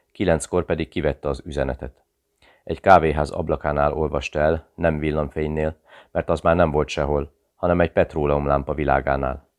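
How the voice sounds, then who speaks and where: A man narrating an audiobook thriller in a steady, measured reading. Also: very deep voice.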